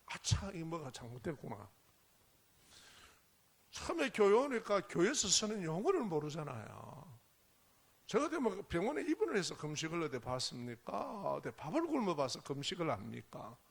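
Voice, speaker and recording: Male pastor, high and lively voice, testimony sermon told dramatically with whispers and loud bursts. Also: normal speed, vocal fry, breathy edge.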